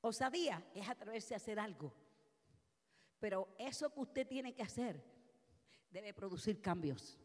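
A woman pastor preaching a passionate sermon, moving from soft, quiet passages to loud shouted ones. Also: medium pitch, lively intonation, a little slow, long pauses, long reverb tail. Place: church.

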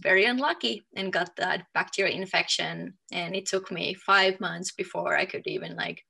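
A woman's voice: fairly low pitch, steady tone, moderate pace, gravelly, sharp tone, husky. A woman in her thirties from Finland with a Finnish accent, chatting loosely as an interview guest and thinking aloud with many fillers. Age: 30s. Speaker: guest, authenticity coach. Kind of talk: casual interview chat.

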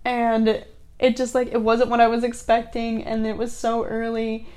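A young woman with a slightly high voice chats casually as a podcast co-host. She tells stories in an animated way and fills them with filler words. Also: normal speed, smooth. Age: young adult. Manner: animated storytelling, many fillers. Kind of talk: casual chat.

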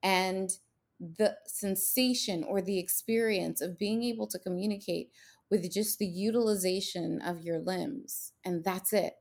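She's a podcast co-host whose first language is Haitian Creole, with a medium-pitched, gravelly, slightly mellow voice, fairly even intonation, and a measured pace. Her casual conversation is passionate and emphatic, peppered with rhetorical questions.

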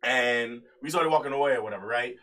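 Talking fast at medium pitch, this young podcast co-host laughs, uses slang, and acts out other people's quotes while telling friends a story. The distant mic picks up background noise, including a crowd.

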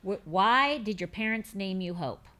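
A woman in her fifties hosts a faith podcast, casually but emphatically answering listener questions and often repeating words to drive her point home. Her mid-range voice is animated and bright, with a forceful tone and a measured pace.

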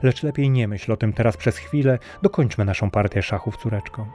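An older, jovial king from a fairy tale, acted by a male narrator, speaking fondly to his daughter with a light, joking touch. The tone stays dark and mellow, over quiet music. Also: on the low side, fairly quick, natural voice. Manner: fond and joking.

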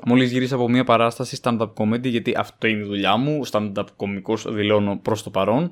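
Casting: young male comedian, podcast monologue, mid-pitched, jokey, animated, with sudden high jumps in pitch. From Greece. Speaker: podcast host, stand-up comedian.

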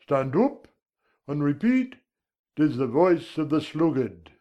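A man's voice: fairly high pitch, big pitch swings, takes it slowly. Man playing a bossy, drawling storybook Gryphon, muffled. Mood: bossy, impatient. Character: brusque, impatient, bossy male Gryphon. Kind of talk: full-cast audiobook character acting.

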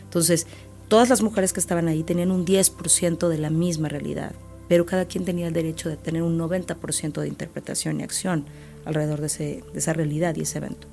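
Woman podcast host, lower voice, empathetic and explanatory; faint music. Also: fast, vocal fry. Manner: empathetic, explains her ideas calmly. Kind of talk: conversational interviewing.

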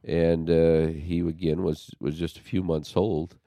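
Deep-voiced man telling an animated story. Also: a little slow, no room sound. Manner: animated storyteller, acts out quotes. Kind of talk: storytelling in casual conversation.

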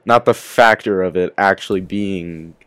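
A man's voice: low-pitched, unhurried, fairly bright tone, clear, resonant tone, dry recording. A young man in casual podcast chat, joking in slang and arguing his points. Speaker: podcast co-host.

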